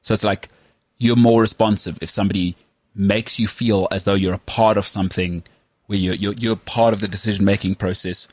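A man's voice: on the low side, steady tone, fairly quick, darkish tone, no room sound. A man in his thirties hosting a casual chat, rambling and self-mocking with lots of restarts. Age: 30s. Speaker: podcast host.

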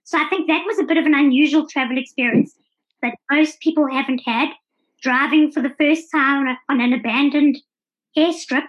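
Speaking a little fast in a high-sitting voice, a South African-accented woman answers interview questions casually as a podcast guest who travels. The recording sounds dull and lo-fi.

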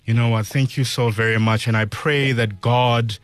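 A man's voice: mid-range voice, steady tone, moderate pace, no room sound. A South African man presenting a morning radio show like a DJ, speaking earnestly and emphatically, repeating phrases as he appeals to listeners. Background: music under the voice.

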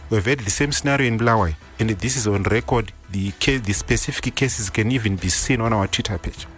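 A firm official voice from a man, steady and unhurried in his delivery. Faint music plays under his words. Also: fairly low pitch. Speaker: police spokesman. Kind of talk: radio interview answers.

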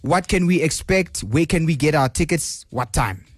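A man's voice: fairly high pitch, lively intonation, moderate pace, breathy edge, no echo. A male radio host interviewing a guest in a chatty, enthusiastic way.

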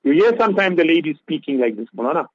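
A man's voice: fairly high pitch, sing-song, fast, dry recording, highs cut off. A man giving religious advice on a radio talk show, preaching and repeating key phrases for emphasis. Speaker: Islamic scholar on radio.

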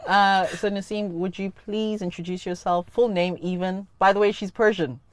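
A woman hosting a casual chat, playful and joking, and quick to laugh at herself. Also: mid-range voice, steady tone, background noise. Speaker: podcast host.

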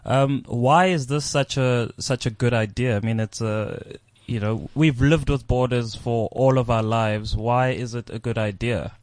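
A man's voice: medium pitch, a little slow, darkish tone, no room sound. A man from South Africa hosting a studio interview, asking probing questions with frequent restarts. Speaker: host. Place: radio studio.

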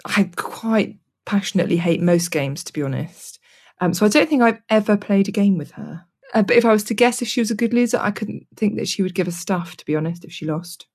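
A woman's voice: medium pitch, expressive, a little fast, darkish tone. A woman speaking candidly and thoughtfully about a close friend in a reflective conversation. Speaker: interviewee.

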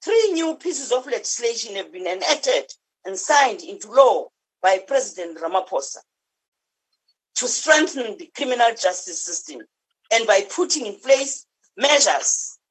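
A woman's voice: medium pitch, very animated, unhurried, breathy edge, poor audio. A South African woman reading a formal political speech in parliament in an earnest, declarative way. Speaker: member of parliament giving a speech.

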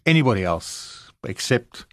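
A man's voice: medium pitch, big pitch swings, unhurried, a bit bright, dry recording, clean studio sound. A middle-aged South African man with a South African English accent, frankly telling his personal testimony as an interview guest. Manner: candid, frank storytelling.

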